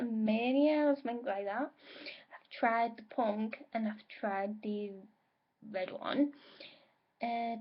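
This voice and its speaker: A woman giving a casual makeup tutorial in a chatty way, with self-correcting asides and an occasional cough. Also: mid-range voice. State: coughing now and then. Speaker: makeup vlogger. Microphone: laptop microphone. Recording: dull lo-fi home recording.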